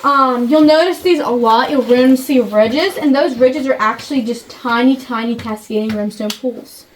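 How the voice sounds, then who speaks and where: A woman's voice: fairly high pitch, moderate pace. A woman giving a memorized guided tour talk, her voice echoing inside a cave. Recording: echoey cave, distant mic, faint noise.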